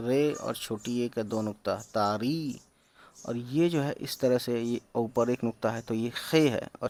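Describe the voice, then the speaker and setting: A man teaching reading, sounding out each letter and syllable slowly and patiently, with English words mixed in. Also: medium pitch. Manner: mixes English words into explanations. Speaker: Urdu teacher.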